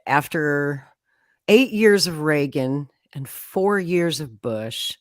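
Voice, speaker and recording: A woman with a low, expressive voice speaks slowly in a dry, studio-quality recording. She is a guest from Oklahoma, USA, telling her political life story in a chatty, conversational way, laughing often and acting out quotes.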